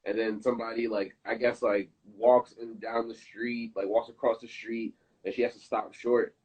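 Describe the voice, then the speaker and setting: A man's voice: mid-range voice, flat delivery, normal speed, darkish tone, husky, dull audio. A young man casually telling a story with slang, laughing through it. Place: indoors, live stream.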